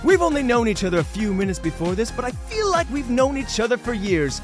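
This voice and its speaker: In an audio drama, a man plays a flamboyant, cynical game show host, presenting a bombastic TV show in a slick, mocking and theatrically condescending way. His very high, sing-song voice is stretched out in showy delivery over music.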